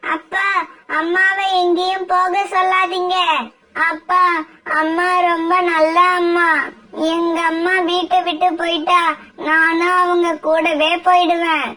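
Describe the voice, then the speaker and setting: A woman's voice: very high voice, flat delivery, slow, bright, forceful tone, heavily acted. A woman voicing a small boy sparrow in a cartoon, whiny and begging. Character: little boy sparrow, clinging to his mother. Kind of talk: cartoon voice acting.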